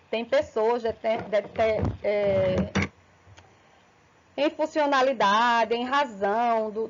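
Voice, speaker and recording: A woman teacher walks through a grammar lesson step by step. She keeps checking in with short tag questions. Her voice sits fairly high, and the recording sounds dull and lo-fi. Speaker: Portuguese teacher.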